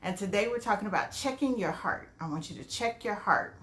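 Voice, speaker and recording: A woman's voice: mid-range voice, expressive, a little fast, a bit bright, echoey room. A woman life coach giving a casual live-streamed motivational talk, greeting viewers by name as she goes.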